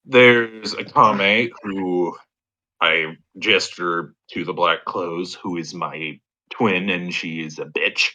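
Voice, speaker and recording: A man playing a tabletop role-playing game in casual chat, halting and thinking aloud as he goes. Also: low voice, sharp tone, low-quality recording. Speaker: tabletop RPG player.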